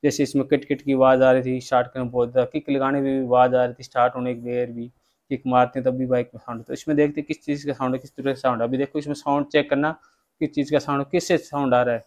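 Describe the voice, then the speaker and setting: A man's voice: mid-range voice, level tone, very fast, a little mellow. A man, working as a bike mechanic, giving a step-by-step workshop repair tutorial and addressing viewers as friends.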